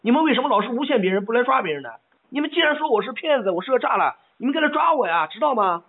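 In a heated argument over the phone, a man stammers angrily and keeps repeating his points insistently. He talks rapid-fire with lively intonation in an extremely high, slightly rough voice, and the line is tinny.

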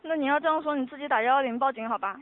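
Fast-talking woman operator on a phone line. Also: high voice. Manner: flat and procedural, repeatedly asks caller to calm down. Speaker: anti-fraud hotline operator. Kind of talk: phone call with a complainant.

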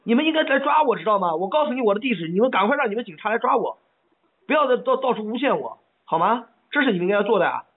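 A man's voice: sits high, sing-song, rapid-fire, slightly rough. Furious man arguing over a tinny phone line. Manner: angry, stammering, repeats himself insistently. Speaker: caller complaining by phone. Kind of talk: heated phone argument.

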